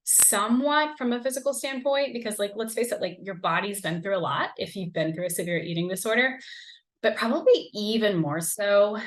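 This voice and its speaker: A woman's voice: lowish voice, a bit bright, rough recording. A young woman, hosting a podcast and talking casually as a recovery coach, with plenty of "like" and "um". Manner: casual, conversational, frequent "like" and "um". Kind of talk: solo podcast talk.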